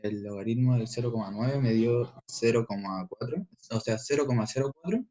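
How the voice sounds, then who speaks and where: A man's voice: medium pitch, normal speed, dark tone. A young man with a Chilean Spanish accent answering his teacher in an online class, reading out results and correcting himself. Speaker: student. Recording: dull lo-fi call audio.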